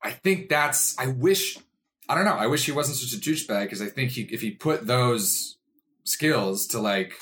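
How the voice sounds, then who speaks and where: A man's voice: medium pitch, expressive, moderate pace, fairly bright tone, a little hiss or hum. A man co-hosting a casual film review podcast, talking in a rambling, hesitant way with lots of restarts. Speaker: podcast co-host.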